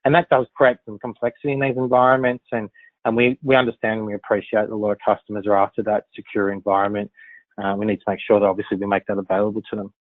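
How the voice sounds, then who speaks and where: A man presenting in a business webinar in a steady way, often leaning on fillers like "obviously". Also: on the low side, fast, dry recording. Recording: dry, tinny phone-line audio.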